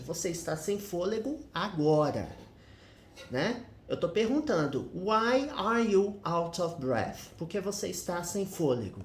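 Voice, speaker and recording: A man's voice: high voice, darkish tone, a little hiss or hum. A man explaining English grammar step by step, checking in with listeners through frequent tag questions. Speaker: English teacher. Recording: roomy echo.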